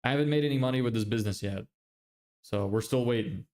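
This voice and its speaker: A man's voice: mid-range voice, quick pace, a little mellow. A man hosting a casual live stream, reading viewer questions aloud and answering them loosely.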